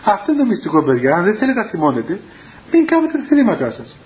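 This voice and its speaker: Man, storytelling homily, high-pitched, chuckling anecdotes, muffled cassette tape, faint hiss. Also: wildly swooping pitch. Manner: anecdotal, chuckling, acts out quoted dialogue. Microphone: cassette recorder in the room. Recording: dull lo-fi 1990s cassette recording with faint hiss.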